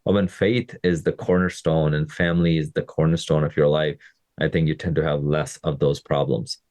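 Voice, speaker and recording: A man's voice: rumbling low, flat delivery, moderate pace, a little mellow, dry recording. A man in his thirties from Pakistan, a fitness coach and podcast host, talks to listeners in a casual, conversational way and often checks in with them. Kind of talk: casual motivational podcast monologue.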